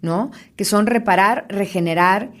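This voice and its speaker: A woman hosting an interview, talking in a chatty, lively way and adding her own views. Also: mid-range voice, measured pace. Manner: chatty, lively, talks with fillers and restarts. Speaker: interview host. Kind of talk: conversational interview.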